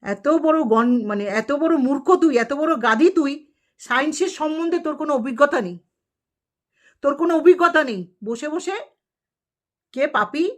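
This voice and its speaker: A woman vlogger scolds a rival in a long, heated rant. Her voice sits fairly high, and she fires off insults and rhetorical questions one after another. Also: animated, moderate pace.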